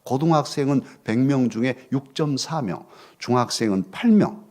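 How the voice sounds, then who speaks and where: A middle-aged male pastor preaching a sermon in a church, moving between loud rhetorical questions and soft, hushed asides. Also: mid-range voice, normal speed. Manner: expressive, swings from loud questions to soft near-whispers. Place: church sanctuary.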